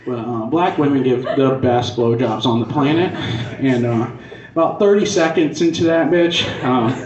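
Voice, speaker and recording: On stage at a live comedy venue, a man with a mid-range voice delivers a profane, punchy, conversational stand-up rant at a moderate pace. The recording has crowd noise, an echoey club room, and a distant, dull mic.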